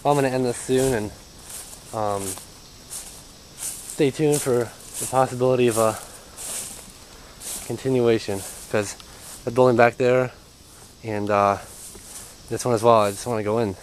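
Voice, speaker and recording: A man's voice: mid-range voice, fairly even intonation, a little slow, pauses often, a little hiss or hum, rough recording. A young man filming himself outdoors with a handheld camera, talking in a hesitant, uneasy way and trailing off mid-sentence. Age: young adult. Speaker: urban explorer vlogger. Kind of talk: handheld exploring vlog. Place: outdoors in an overgrown yard.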